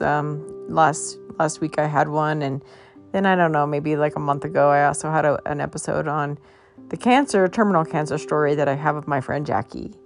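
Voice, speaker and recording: A woman host telling a personal story in a casual, halting way, her voice worn as if she is losing it. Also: low voice, creaky. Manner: halting, many fillers and restarts. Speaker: podcast host.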